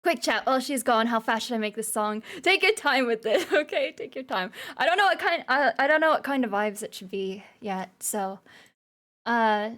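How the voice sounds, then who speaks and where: Woman streamer, slightly high voice, giggly, rambling casual chat with viewers. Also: expressive, normal speed, a bit bright.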